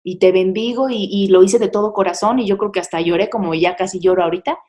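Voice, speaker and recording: A woman's voice: mid-range voice, fast, a little mellow. Mom type, middle-aged woman, telling a personal faith story, chatty and candid, lots of "o sea". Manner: candid, confiding, chatty with many fillers. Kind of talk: personal testimony talk.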